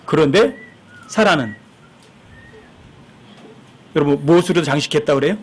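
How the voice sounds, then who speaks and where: A man's voice: on the high side, moderate pace, a little hiss or hum. A man preaching a sermon as pastor, talking conversationally with the congregation and acting out the people in his stories. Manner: acts out quoted voices, emphatic and conversational with the congregation.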